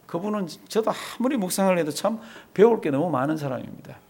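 A man preaching a sermon with a lively, animated voice that leaps up and drops low. His pitch sits a little above that of most men. He keeps putting rhetorical questions to his congregation. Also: quick pace, gravelly, slightly rough. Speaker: pastor.

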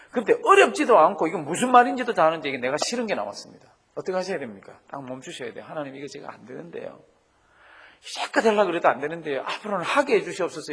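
A middle-aged man preaching a sermon on Bible reading, lively, asking the congregation questions and having them repeat after him. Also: high-pitched, husky. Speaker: pastor.

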